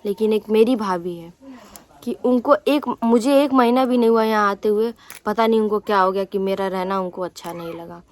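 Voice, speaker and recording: A woman's voice: mid-range voice, normal speed. Aggrieved young woman rambling to viewers. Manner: aggrieved, rambling, many restarts and fillers. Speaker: vlogger. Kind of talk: casual vlog talk to viewers.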